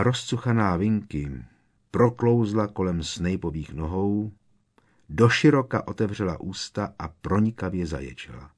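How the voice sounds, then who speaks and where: A man with a very low voice reads a story aloud as an audiobook narrator. He tells it in a dramatic storytelling manner. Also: slightly rough. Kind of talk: scripted narration.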